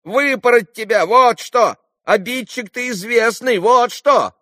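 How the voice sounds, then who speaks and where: A man voicing a loud, shrill young market woman scolding a boy, in a storybook reading. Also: unhurried, no echo, studio quality, full character voice.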